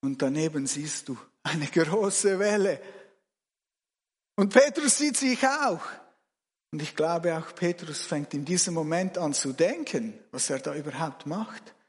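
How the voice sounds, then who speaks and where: Slow, expressive man preaching with reverb. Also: fairly high pitch. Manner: slow, expressive storytelling, swinging between loud and hushed. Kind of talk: guided imaginative sermon.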